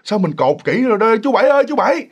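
A man's voice: sits high, expressive, a little fast. A man voicing a worried young husband who fires off flustered questions.

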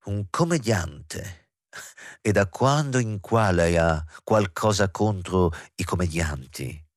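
A man's voice: low-pitched, expressive, slow, no echo, studio quality. A man reading the part of a playful, girlish great actress with a teasing manner. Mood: mocking. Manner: teasing, coy, fluttering up and down.

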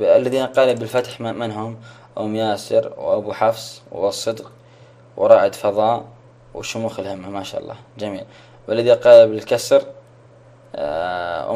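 A man's voice: lowish voice, warm tone. A man teaching a religious lesson online, asking questions, repeating them and praising his students' answers.

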